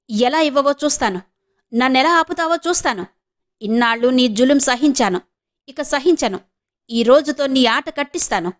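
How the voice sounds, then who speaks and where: A woman voicing an angry, threatening middle-aged husband in an audiobook, menacing and shouting through clenched teeth. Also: high-pitched, natural voice. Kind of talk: audiobook character reading.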